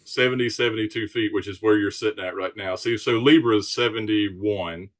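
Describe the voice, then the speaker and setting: A man's voice: fairly low pitch, normal speed. A man chatting casually as a guest, explaining things in an informal, easygoing way. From Alabama Gulf Coast, United States. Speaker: podcast guest, charter sailboat captain.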